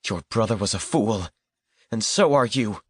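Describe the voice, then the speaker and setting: A man reading an audiobook, raising his voice high to play a defiant, scornful young village woman. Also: expressive, a little slow, husky, no echo.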